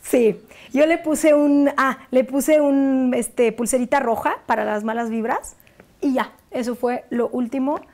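A young adult woman, an actress as interview guest, telling a personal story in casual chat and acting out the quotes. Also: measured pace. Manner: animated, acts out quotes with sudden high bursts.

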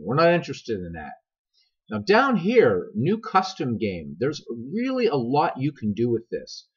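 Husky with a smoker's rasp, a middle-aged man of medium pitch hosts a casual video game tutorial, recorded as voice-over on screen capture. He wanders off on tangents and talks straight to his viewers, through a dull, lo-fi microphone.

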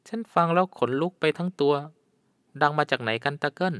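Guy putting on a scared young woman, higher voice, shaky and anxious, storybook reading. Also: fairly quick, a bit bright, no echo, clean studio sound. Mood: uneasy. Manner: anxious, trembling pleas. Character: frightened young woman traveler in the jungle.

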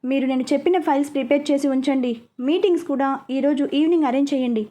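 A woman voicing a calm, dryly teasing young man in a storybook reading. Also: sits high, fast, lightly acted. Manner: teasing, matter-of-fact.

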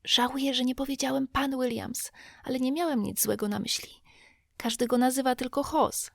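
A woman's voice: high-pitched, fairly even intonation, normal speed, vocal fry, dry recording, studio quality, voice pushed up. Tom Sawyer, a scared boy whispering as a woman reads him. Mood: anxious. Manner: hushed, anxious whispering, trying to sound brave. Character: frightened young boy, whispering at night. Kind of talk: audiobook character voice.

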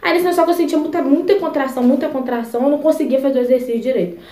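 A young woman vlogger telling a personal story in a chatty, expressive way, full of asides. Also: high voice, racing, reverberant. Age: young adult. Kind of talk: casual storytelling.

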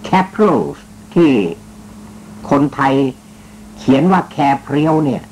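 A man's voice: on the high side, takes it slowly, darkish tone, a little hiss or hum, low-quality recording. A man hosting a talk show, telling a story with teasing jokes in a casual, polite manner. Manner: joking, teasing, chatty storyteller; polite, with frequent particles. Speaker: radio talk host. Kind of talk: casual spoken commentary.

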